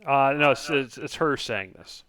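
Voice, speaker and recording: A man narrating a tabletop game as game master, improvising in a halting way with pauses. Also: medium pitch, fairly bright tone, smooth.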